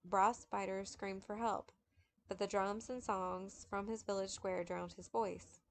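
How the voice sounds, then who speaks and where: Woman reading a memoir aloud, steady and measured, gravelly fry, mid pitch. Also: a little hiss or hum. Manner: steady, measured, with occasional slips. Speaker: audiobook reader.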